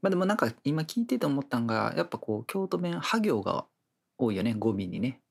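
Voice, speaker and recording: A man's voice: medium pitch, very animated, fairly quick, vocal fry. A man with a Kyoto accent co-hosting a podcast in casual chat with teasing retorts. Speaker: podcast co-host.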